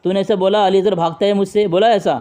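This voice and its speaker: A man's voice: high-pitched, fairly even intonation, fast, dark tone. A man in an argumentative phone conversation, insistently repeating short demands.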